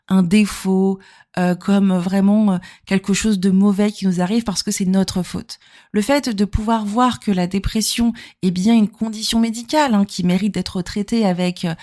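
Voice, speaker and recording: This Normandy-born woman, a therapist who hosts a podcast, has a darkish mid-range voice. Her informal talk is explanatory and chatty, aimed directly at the listener and dotted with rhetorical questions.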